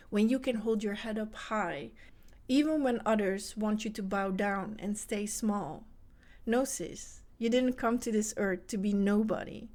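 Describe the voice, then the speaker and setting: Her voice is mid-range and a little mellow. Originally from the Netherlands, with Dutch as her native tongue and a Dutch accent, she addresses listeners directly in English as a motivational coach for mothers, earnest in this podcast monologue.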